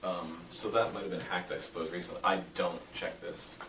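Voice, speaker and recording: A young man with a low voice answers questions in casual, rambling speech, often hesitating as he explains. He is recorded at a distance in an echoey room with faint noise. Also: fairly even intonation, a little fast. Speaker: interviewee.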